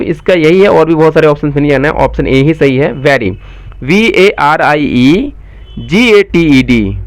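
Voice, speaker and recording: Man spelling words slowly, fairly high voice. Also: no room sound. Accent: Bihari Hindi. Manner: spells words slowly letter by letter, then explains quickly; asks the viewers questions and answers them himself. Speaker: exam coaching teacher. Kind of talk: spoken spelling lesson, letter by letter.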